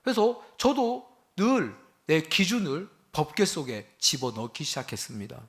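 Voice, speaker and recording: A man's voice: a little high, sing-song, normal speed. A man preaching a sermon to a congregation. He keeps asking them questions and acts out quoted speech in a raised voice. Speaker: pastor. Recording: church hall with a microphone.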